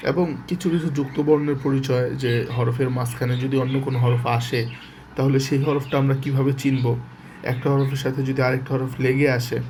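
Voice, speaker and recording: A man teaching Quran reading in Bengali, patiently drilling each letter with its vowel sound in a steady, repetitive chant, with a Bangladeshi accent. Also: mid-range voice, noisy background. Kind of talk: slow spoken lesson, drilling letter sounds.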